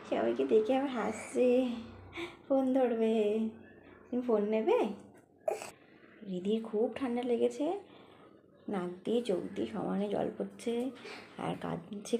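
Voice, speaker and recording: A woman's voice: medium pitch, vocal fry, dark tone, slight background noise. A mother chatting casually to her viewers in a home vlog while she cares for her children at the table, recorded on a handheld phone. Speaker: mother vlogging home life.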